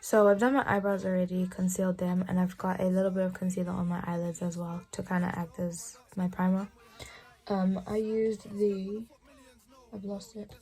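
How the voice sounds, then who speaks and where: A 21-year-old woman, chatting casually through a makeup tutorial in a relaxed, often half-whispered way. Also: on the low side, moderate pace, husky. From England. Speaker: beauty vlogger.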